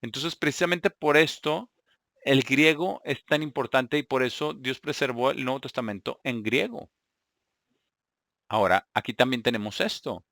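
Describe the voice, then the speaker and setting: A man preaching a teaching sermon, halting and repeating words, often checking in with his listeners. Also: medium pitch, a bit bright, dry recording, studio quality. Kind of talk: sermon teaching Greek grammar.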